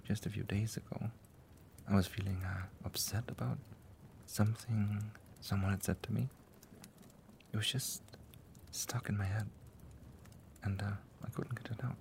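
A man voicing an affectionate, doting male dragon lover in an ASMR roleplay, talking softly and often in a tender whisper. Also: lowish voice, steady tone, moderate pace, gravelly, long pauses, slight background noise.

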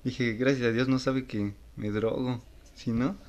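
A man's voice: mid-range voice, fairly even intonation, a little slow, darkish tone, highs cut off. A young man with a Mexican accent telling a story in laid-back, slangy casual talk. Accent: Mexican Spanish.

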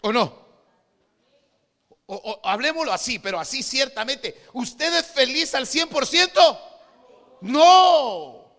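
High, bright Guatemalan preacher in a reverberant hall. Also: male voice, lively intonation, a little slow, long pauses. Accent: Guatemalan Spanish. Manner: swings between quiet asides and shouted preaching. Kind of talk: sermon.

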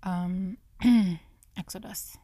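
A woman hosting a podcast, thinking aloud through a Bible study in a low, half-whispered way, often stopping to correct herself. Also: fairly even intonation, drawn-out words, dark tone, no echo. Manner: searching, self-correcting musing. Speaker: podcast host.

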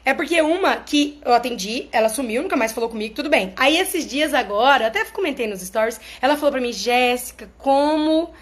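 Animated and fast, barely pausing, a high-voiced woman addresses her followers as a therapist. She chats and explains informally while repeatedly checking in with her audience.

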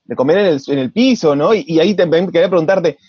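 A man's voice: a little high, quick pace, breathy edge, no echo. A Peruvian man with a Peruvian Spanish accent hosting a podcast, chatty and encouraging his guest with follow-up questions. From Peru. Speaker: podcast host. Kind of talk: casual podcast interview. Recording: dry, dull lo-fi podcast audio.

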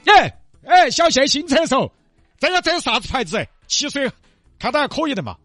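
A man's voice: very high voice, sing-song, normal speed, sharp tone, dry recording, soft background music, pitched above the performer's own voice, heavily acted. A man voicing a nosy, easily impressed elderly villager with a Sichuanese accent and a fawning, exclaiming manner in a comic storytelling skit.

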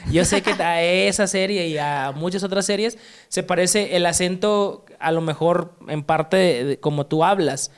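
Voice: medium pitch, a little slow, clean tone. A Mexican podcast host in casual conversation. The voice is midrange and easygoing, full of slang, looping back over its own words as it goes. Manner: laid-back, rambling, slangy, many restarts.

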